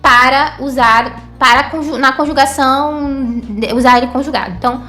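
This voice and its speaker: A woman with a Brazilian Portuguese accent teaches an online language lesson. She explains patiently, checks in with "tá?" and "né?", and repeats words slowly. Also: high-pitched, pushed and bright, faint music behind. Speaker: Hebrew teacher.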